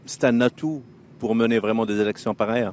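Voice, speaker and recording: A man's voice: mid-range voice, steady tone, fairly quick, a little mellow, slight background noise. A man interviewing a local candidate with brief, plain questions.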